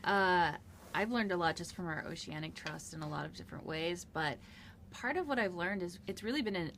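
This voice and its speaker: A woman's voice: on the low side, fairly bright tone, a little hiss or hum. A woman film director answering interview questions in a heartfelt, earnest way.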